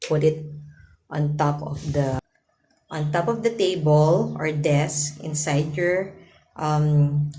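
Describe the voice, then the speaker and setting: A woman in her thirties giving a casual product demo, halting often with fillers and restarts as she explains. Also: low voice, reverberant, slight background noise. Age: 30s. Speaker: vlogger. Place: bathroom.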